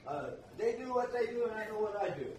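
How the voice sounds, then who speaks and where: A man's voice: high voice, very animated, brisk, darkish tone, slight background noise. An older man preaching a sermon, emphatic and repeating his key phrases. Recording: echoey room, voice from far off.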